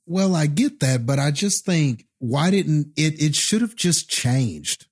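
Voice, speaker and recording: Animated, laughing podcast co-host man. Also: on the high side, slow pace, slightly rough. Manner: animated, questioning, laughs often. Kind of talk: casual movie review chat.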